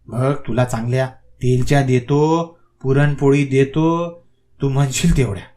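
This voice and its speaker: A man's voice: mid-range voice, steady tone, a little slow, mellow, lightly acted. A man doing a wry, bossy village exorcist. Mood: coaxing. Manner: coaxing, then commanding and wry.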